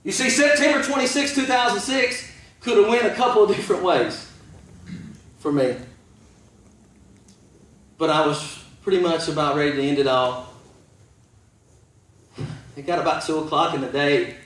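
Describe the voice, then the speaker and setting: Pastor preaching a testimony in an echoey church. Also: male voice, on the high side, expressive, normal speed, pauses often. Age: 30s. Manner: storytelling, swinging from hushed to shouting. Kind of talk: testimony sermon. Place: large church sanctuary. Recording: echoey hall, distant mic.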